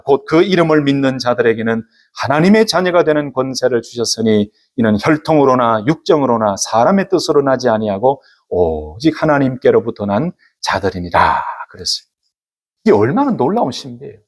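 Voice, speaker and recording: Animated Korean pastor preaching a sermon. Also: male voice, medium pitch. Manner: animated preaching, acts out surprised voices. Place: church service.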